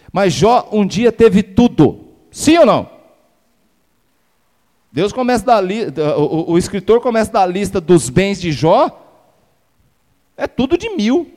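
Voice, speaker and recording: A Brazilian pastor preaches with a notably high voice for a man, his words ringing out in a church sanctuary with a long reverb. He drives his sermon with rhetorical questions and calls for amen. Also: a little mellow. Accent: Brazilian Portuguese.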